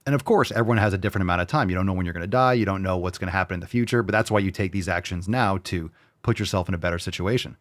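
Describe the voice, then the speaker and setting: This fitness show host, a man in his forties, talks very fast in a deep voice with hardly any pauses, cursing and bluntly driving viewers to work out while reading their comments on a motivational livestream. There is no room sound.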